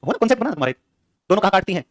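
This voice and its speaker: Guy teaching class super fast, fires questions at students, dry mic. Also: high voice, very animated, dry recording. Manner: quizzes students with rapid questions. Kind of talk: classroom lecture.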